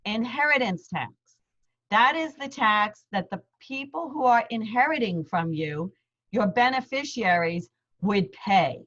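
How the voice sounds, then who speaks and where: Lively in intonation, a little high and a bit bright, the unhurried voice belongs to a middle-aged lawyer from Queens with a New York accent. Over a video call, she gives a friendly, no-nonsense seminar explaining legal terms step by step, with slightly dull lo-fi audio.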